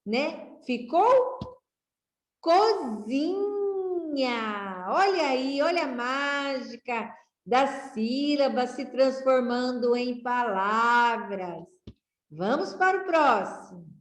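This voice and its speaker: A Brazilian woman teacher giving a children's literacy lesson, reading aloud slowly in a sing-song way with rising exclamations. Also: fairly high pitch, animated, echoey room. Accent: Brazilian Portuguese.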